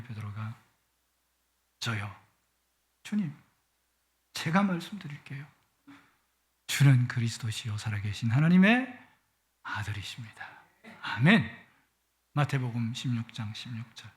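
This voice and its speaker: A man's voice: a little high, pushed and bright. A middle-aged man preaching a Sunday sermon in a church, with a playful manner that swells with emotion. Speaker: guest pastor. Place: church sanctuary.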